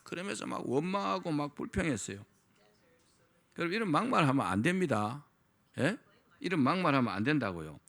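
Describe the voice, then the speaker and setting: A man's voice: on the high side, sing-song, brisk, pauses often, a bit bright. A man preaching a sermon as pastor, asking the congregation questions and having them repeat phrases after him.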